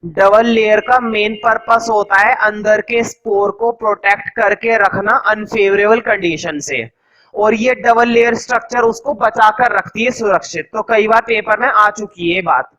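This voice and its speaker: A man teaching a class, slowly dictating notes word by word and asking the students quick questions in between. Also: sits high, pushed and bright, poor audio. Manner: quizzes students with rhetorical questions; teasing, joking. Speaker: science teacher. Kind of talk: classroom lecture.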